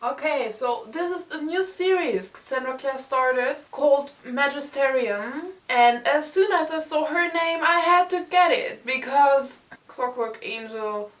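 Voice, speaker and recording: A woman's voice: sits high, measured pace, a bit bright. A young woman with a German accent reviewing a book in a casual, enthusiastic way, often stumbling and repeating words. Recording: roomy echo, mic set far off.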